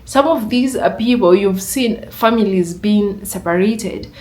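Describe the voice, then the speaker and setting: A woman's voice: medium pitch, unhurried, a little mellow. A woman giving reaction commentary in an earnest, indignant way, building her argument point by point.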